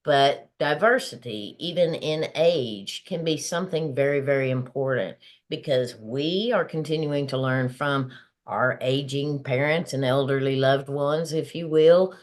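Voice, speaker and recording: A woman's voice: a bass voice, measured pace. A woman in her fifties hosting a motivational talk show, earnest and encouraging, often laughing as she talks. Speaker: podcast host.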